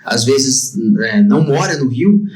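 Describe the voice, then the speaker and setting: A man's voice: medium pitch, lively intonation, unhurried. A man hosting a podcast interview, chatting casually and making joking asides. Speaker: podcast host. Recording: echoey room with loud crowd noise.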